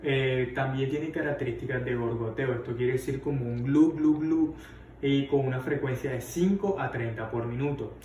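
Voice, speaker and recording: A man's voice: mid-range voice, brisk, hardly any pauses, darkish tone. Man explaining a medical exam, roomy distant sound. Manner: explanatory, with frequent fillers and restarts. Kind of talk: medical demonstration lesson. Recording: roomy, distant mic with faint noise.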